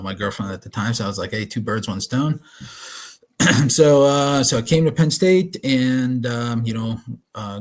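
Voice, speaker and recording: A man in his thirties from Lebanon, a guest answering interview questions in a measured way with many fillers. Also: on the low side. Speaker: guest, township supervisor.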